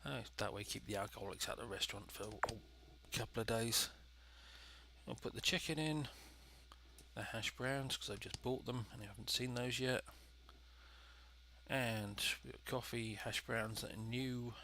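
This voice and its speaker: A man's voice: medium pitch, moderate pace, pushed and bright, slight background noise. A man with a stuffy, nasal voice from a head cold, giving casual let's play commentary and thinking aloud as he goes. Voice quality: nasal, congested. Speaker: gaming video host.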